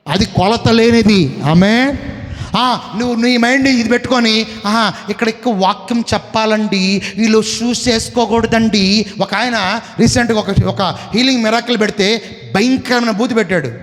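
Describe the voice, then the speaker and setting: Man, Telugu accent, pastor preaching, call-and-response questions, high voice, long hall reverb. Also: a bit bright. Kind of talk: sermon.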